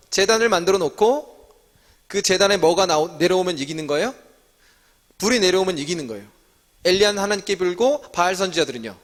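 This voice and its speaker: A man's voice: high-pitched, a bit bright. A man leading a Bible study as a sermon, asking his listeners one question after another and answering them himself. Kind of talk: interactive sermon teaching. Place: church hall. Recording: long church-hall reverb.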